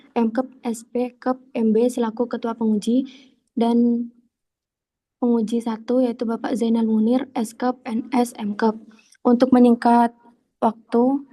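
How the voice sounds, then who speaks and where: A woman's voice: a little high, mellow. A young woman student formally opening her thesis proposal presentation, polite and deferential, on a video call. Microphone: phone on a video call.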